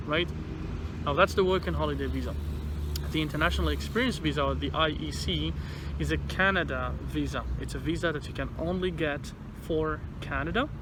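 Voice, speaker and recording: A man speaking through a face mask, explaining things informally to camera in a halting way with repeated words. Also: fairly high pitch. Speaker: vlogger giving visa advice. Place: outdoors in a city. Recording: noisy outdoor city traffic background.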